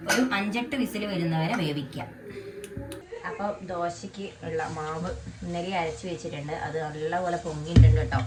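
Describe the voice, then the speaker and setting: A woman chatting casually to her viewers while she cooks at home for her vlog. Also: on the low side. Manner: chatty, talks straight to viewers as "guys". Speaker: home vlogger. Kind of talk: casual cooking and daily-life vlog. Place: home kitchen. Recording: echoey room, distant mic, background noise.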